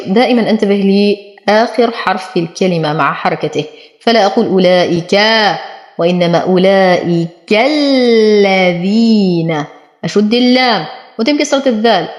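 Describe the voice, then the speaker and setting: Woman teaching recitation in an echoey room. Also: medium pitch. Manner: explains each letter step by step, then says the word slowly. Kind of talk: tajweed lesson.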